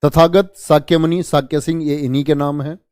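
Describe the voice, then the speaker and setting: A male teacher leads an online exam-prep history lesson with a somewhat high, mellow voice. He repeats each term and keeps quizzing his students, calling them children. The sound is dry and close, with no room echo. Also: fairly even intonation, normal speed. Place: online class.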